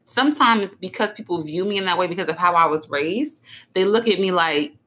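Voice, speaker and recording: Bright-voiced young woman podcast host, swearing freely. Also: fairly low pitch, brisk. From Trenton, New Jersey. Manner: blunt, animated, swears freely. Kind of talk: casual chat.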